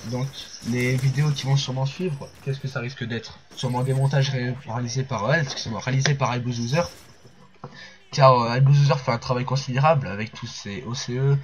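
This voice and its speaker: A man's voice: medium pitch, slight background noise. A man from France giving rambling, casual commentary over gameplay footage, full of fillers and restarts.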